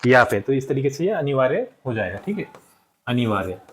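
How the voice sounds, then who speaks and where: Slow, deliberate male teacher, roomy echo. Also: medium pitch, very animated, slight background noise. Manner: slow and deliberate, checks in with frequent "ठीक है"; calls out each word slowly for the class to repeat. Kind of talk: classroom lesson walkthrough.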